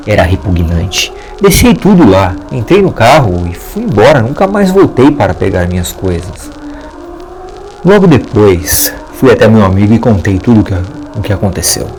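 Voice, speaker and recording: Male horror narrator, low-pitched, dramatic first-person telling over soft background music.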